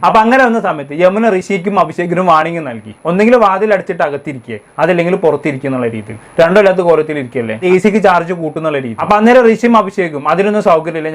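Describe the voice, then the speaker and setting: Fast, high-pitched sarcastic male reviewer. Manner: sarcastic, scolding. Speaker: episode review host. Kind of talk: fast casual review commentary.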